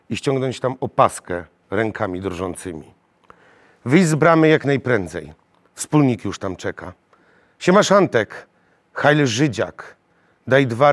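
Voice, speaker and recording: A theatre actor giving a measured, emotionally weighted recitation of a poem. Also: male voice, mid-range voice. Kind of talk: dramatic poetry recitation.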